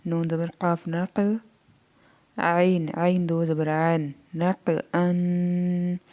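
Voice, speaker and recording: A woman teaching Quran reading, spelling out syllables slowly one by one, then explaining quickly. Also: lowish voice, little pitch movement, mellow. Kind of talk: spelling out syllables in a slow lesson.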